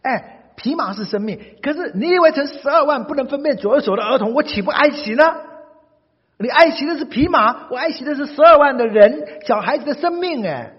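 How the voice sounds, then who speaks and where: Brief: preacher doing God's voice, compassionate and emphatic, raised high and loud, echoing hall. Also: male voice, lively intonation, moderate pace, few pauses, breathy edge. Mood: pleading. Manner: pleading, emphatic. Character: compassionate God, gently rebuking, male. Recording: dull recording, long hall reverb.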